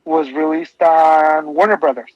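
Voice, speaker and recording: A man's voice: a little high, big pitch swings, a little slow, gravelly, no echo. A man co-hosting a podcast, talking casually and eagerly about albums, rambling and restarting his sentences. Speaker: podcast co-host. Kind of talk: casual music discussion. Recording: dull lo-fi podcast audio.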